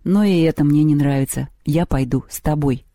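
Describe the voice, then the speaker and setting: A protective storybook boy speaks quietly, with a dry edge of irony, as a man voices him. The tone is mellow and warm, and the recording is close and dry. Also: a little high, fairly quick, dry recording, natural voice. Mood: wry. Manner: quiet, wry. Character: thoughtful, protective teenage boy.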